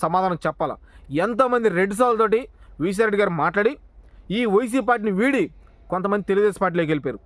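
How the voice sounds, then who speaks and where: Man, political commentator, rapid-fire confrontational rant, high voice, dry close sound. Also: expressive, no echo. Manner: confrontational, addresses the target directly with rhetorical questions. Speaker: political commentator, channel owner. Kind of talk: heated political monologue.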